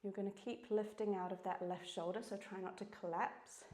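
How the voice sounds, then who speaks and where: A woman with a New Zealand accent cues exercises in a mellow, dark voice while working out herself. She is out of breath and keeps up steady encouragement. The sound carries the echo of a studio room. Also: medium pitch, a little fast. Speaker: fitness instructor. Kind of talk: workout class instruction. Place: indoor reformer studio.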